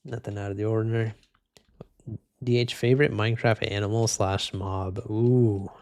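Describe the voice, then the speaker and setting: A young man's gravelly, slightly congested voice comes through with no room sound as he reads viewer chat during a casual gaming stream. He talks at a moderate pace, flat and low-energy, and calls his voice boring; game music and typing are faint behind him.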